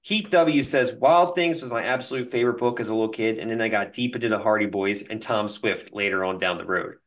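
A man's voice: fairly low pitch, brisk. A man hosting a casual podcast, reading listener comments aloud and reeling off long lists with laughs. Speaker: podcast host.

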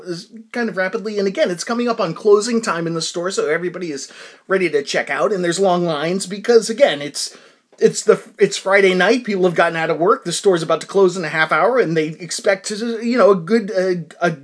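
A man telling a personal anecdote in a casual, rambling way, full of restarts and asides to his listeners. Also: sits high. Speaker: storyteller.

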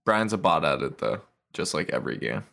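Deep gravelly man, dry and teasing. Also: sing-song, brisk, pushed and bright. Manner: dry, teasing, low-key. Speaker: podcast co-host. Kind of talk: casual chat.

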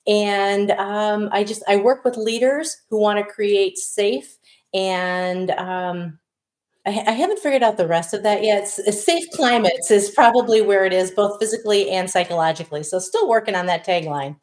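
A woman's voice: mid-range voice, normal speed, a little mellow. A middle-aged woman with a Wisconsin accent, chatting casually as an interview guest, self-deprecating and often restarting her sentences. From Wisconsin, USA. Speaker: guest, diversity consultant. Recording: echoey room.

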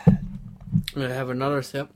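A man's voice: medium pitch, completely flat delivery, brisk, very noisy, natural voice. A man doing a tipsy, rambling troll. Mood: eager. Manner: rambling, stammering, apologetic. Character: sad, tipsy, sweet male troll. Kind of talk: prank phone call, comedic voicemail.

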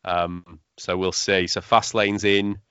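A man co-hosting a podcast, talking in a wry, animated way. His voice sits low. The recording is dry and slightly muffled. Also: slow, clear, resonant tone, no room sound. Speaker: podcast co-host. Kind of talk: casual chat.

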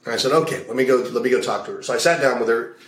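A man's voice: medium pitch, very fast, fairly bright tone. A man with a mid-range voice talks through his coaching work as an interview guest. He tells long anecdotes and hammers home his points by repeating phrases. The sound bounces around a roomy space. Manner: explains in long stories, repeats key phrases. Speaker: guest, hypnotist and values coach. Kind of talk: casual interview talk with anecdotes.

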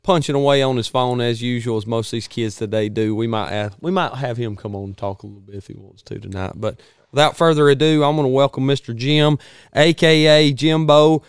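Smooth-voiced Georgia man hosting a podcast. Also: medium pitch, fairly quick, dry recording, studio quality. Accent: Georgia Southern. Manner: folksy. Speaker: podcast host. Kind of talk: casual outdoors podcast chat. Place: studio.

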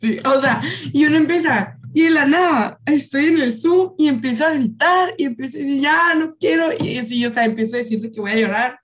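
A woman's voice: high voice, a little fast. A woman, a podcast co-host rambling through a story with lots of fillers. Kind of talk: casual chat.

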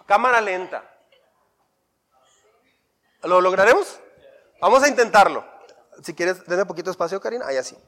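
A man's voice: sits high, expressive, moderate pace, pauses often, a bit bright. A man with a Mexican accent, a pastor leading a playful, interactive Bible workshop and chanting lists together with his congregation. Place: church hall with a live congregation. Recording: reverberant hall, faint crowd.

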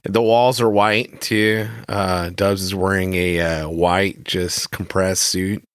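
A man's voice: low-pitched, level tone, slow pace, clear, resonant tone, no echo, studio quality. A man co-hosting a casual film podcast, talking in a slangy, buddy-to-buddy way. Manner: slangy, calls his partner brother, dude and man. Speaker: podcast co-host.

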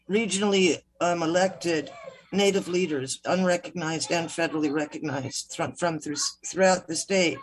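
A woman guest answering interview questions over a poor-quality video call connection, measured and often stopping to correct herself. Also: lowish voice. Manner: measured, with frequent fillers and self-corrections. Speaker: guest, legal counsel.

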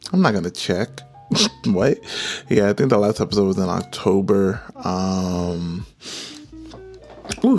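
A low-voiced man hosts a casual solo podcast over music. He takes his time, rambling playfully in loose slang. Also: gravelly, darkish tone. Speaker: podcast host.

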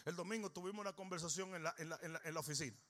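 Fiery, bright-voiced preaching man. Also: rapid-fire. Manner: swings from shouted preaching to low storytelling. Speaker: pastor. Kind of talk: humorous sermon.

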